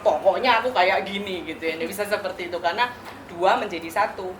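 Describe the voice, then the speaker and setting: A woman's voice: medium pitch, quick pace, background noise. A woman pastor delivering a wedding sermon, explaining her points with rhetorical questions and light playful asides. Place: church or wedding venue. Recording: echoey venue with faint ambience.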